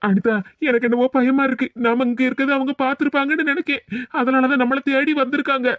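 A woman's voice: sits high, level tone, fast, a bit bright, no echo, muffled recording. A woman voicing a nervous young man hiding from a feared uncle, speaking hesitantly with a Tirunelveli accent in a cartoon. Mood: anxious. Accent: Tirunelveli Tamil. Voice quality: hesitant, many fillers.

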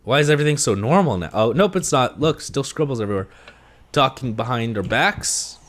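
Medium-pitched and expressive, with a fairly bright tone, a young gaming video creator speaks a little fast while nervously getting himself through a horror game. He sounds congested from allergies, speaking into a headset mic in a small home room.

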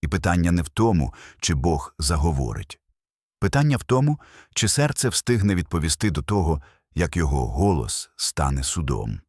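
Deep husky solemn male preacher. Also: big pitch swings, moderate pace, few pauses, a little mellow, no room sound, clean studio sound. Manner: solemn, emphatic, builds with short repeated phrases. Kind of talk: scripted sermon narration.

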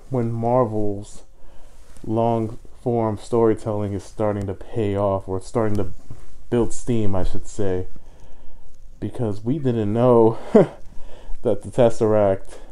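A man's voice: lowish voice, mellow. A man in a costume head giving a casual, enthusiastic and rambling movie review in slangy talk. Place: indoors, fursuit costume.

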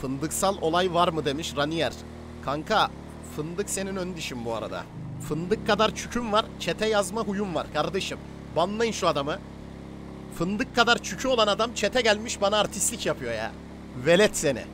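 Over a noisy background, a man with a Turkish accent runs a live roleplay stream, narrating the action and bossing players around with slang and attitude. His voice is high and expressive, and he speaks at a moderate pace.

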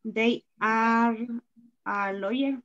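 A woman's voice: a little high, drawn-out words, a bit bright, dry recording, highs cut off. A woman student answering briefly in simple sentences during an online class.

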